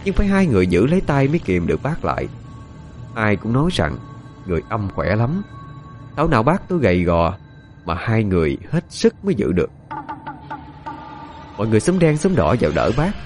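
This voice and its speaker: Expressive male ghost story narrator. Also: on the low side, a little fast, pauses often, soft background music. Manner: dramatic, expressive telling.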